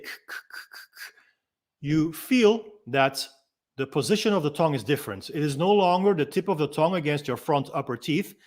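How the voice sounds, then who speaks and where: A man teaching as a freediving instructor, patiently explaining step by step and demonstrating the sounds himself. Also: medium pitch. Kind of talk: instructional walk-through.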